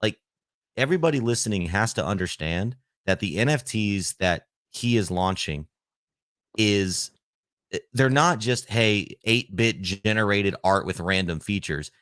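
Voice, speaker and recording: The host of a relaxed podcast interview, this man is enthusiastic, generous with praise and addresses his viewers directly. His voice sits on the low side, animated and measured, with a fairly bright tone. Sound is dry and studio-clean.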